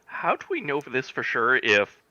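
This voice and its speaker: Very bright, animated man playing tabletop. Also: medium pitch, a little slow, dry recording, lo-fi sound. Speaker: tabletop game player. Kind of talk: casual in-game banter.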